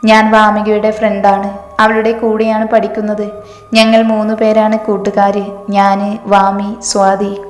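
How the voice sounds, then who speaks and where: A woman reading the lines of a frightened young woman who speaks haltingly and stammers, in an echoey room with a long reverb. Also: mid-range voice, monotone, soft background music, lightly acted.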